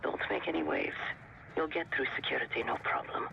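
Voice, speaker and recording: High, creaky, slick handler man. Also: brisk, lo-fi sound, a little hiss or hum. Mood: slick, assured. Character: slick, self-assured male undercover handler. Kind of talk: video game cutscene acting.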